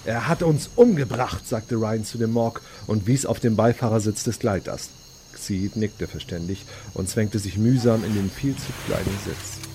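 A man narrating a science fiction story in a measured, dramatic way. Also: lowish voice, steady tone, background noise. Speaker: audiobook narrator. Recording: read over loud background music.

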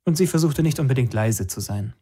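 A man narrating an audiobook in the first person, in an even storytelling way. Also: medium pitch, fairly quick, slightly rough.

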